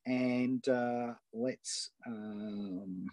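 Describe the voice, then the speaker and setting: An Australian man hosting a live online coaching session, enthusiastic and firing off quick questions over a video call. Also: medium pitch, fairly even intonation, darkish tone, no room sound. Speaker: host and coach.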